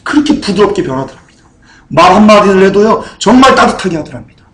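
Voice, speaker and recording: A man's voice: sits high, very animated, quick pace, fairly bright tone, roomy sound, poor audio. A man preaching a sermon as pastor, with emphatic, repeated appeals to the congregation.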